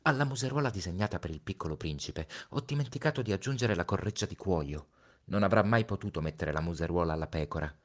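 A man reading a story aloud, slow and reflective with hushed pauses. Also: deep voice, animated. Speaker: storybook reader. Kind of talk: read-aloud story narration.

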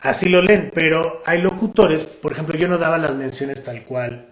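A man with a Mexican Spanish accent, chatting casually as a radio host in slangy, relaxed talk. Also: fairly high pitch, normal speed, echoey room. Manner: slangy, relaxed, acts out examples.

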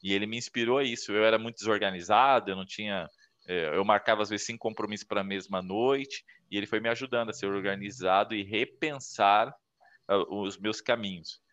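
Low-voiced man giving speaking tips. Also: a little fast, fairly bright tone. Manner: explanatory, acts out quoted voices while telling stories. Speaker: communication coach guest. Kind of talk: interview advice talk. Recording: dull lo-fi sound.

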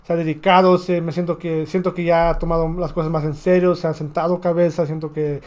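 A young man with a high voice chats about fights, drifting between Spanish and English slang and laughing easily. The sound is dull and lo-fi, as if from a modest home setup. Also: flat delivery, fairly quick, a little mellow. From Mexico. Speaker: co-host. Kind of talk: casual chat about fights.

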